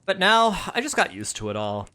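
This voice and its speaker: A man reading his own story aloud in an animated way, laughing at his own asides. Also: sits high, moderate pace.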